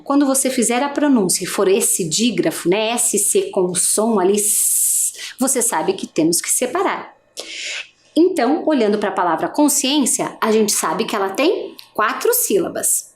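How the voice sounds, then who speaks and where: A woman teacher giving a recorded video lesson. She asks her students questions and slowly draws out each example word. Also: medium pitch, darkish tone. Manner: slow, drawn-out pronunciation of example words; asks the class questions and pauses. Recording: echoey room with faint hiss.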